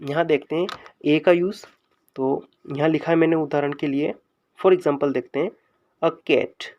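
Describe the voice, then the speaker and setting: A fairly high-voiced man talks through a grammar lesson at a patient, explanatory pace, and he stretches out his example sentences. The recording sounds dull and lo-fi. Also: steady tone, a little slow, a little mellow. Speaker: English grammar teacher.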